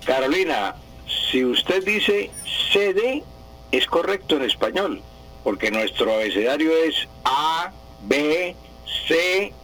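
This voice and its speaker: A man's voice: on the high side, a bit bright, poor audio. A man answering listener language questions on radio, patient and teacherly, repeating his points. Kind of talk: radio language advice segment.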